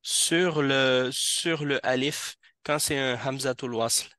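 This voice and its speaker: A man teaching an Arabic reading class in a mosque, explaining patiently and repeating each word slowly to drill pronunciation. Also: medium pitch, pushed and bright, dry recording. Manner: slow, repeats words and verses to drill pronunciation.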